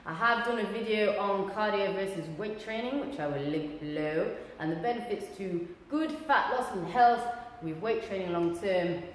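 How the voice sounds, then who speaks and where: A bubbly, cheeky woman coaching on fitness, with a lively, bouncing pitch. She throws in whoops and asides as she talks. Her voice rings around an echoey hall with a long tail, and faint noise sits under it. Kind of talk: casual fitness talk to camera.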